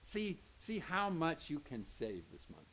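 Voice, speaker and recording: An older pastor with an Oklahoma Southern accent gives a folksy Sunday school lesson. His voice sits high and swings widely in pitch as he jokes and slips into the voices of the people in his stories. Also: a little slow, gravelly. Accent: Oklahoma Southern American. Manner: joking, animated, acts out quoted voices.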